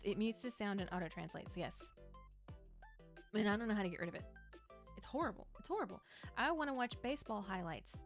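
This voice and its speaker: A young woman chatting casually while playing a game on stream, rambling and laughing often with many restarts. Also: mid-range voice. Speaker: VTuber streamer. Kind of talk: casual livestream chat while gaming. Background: faint game music.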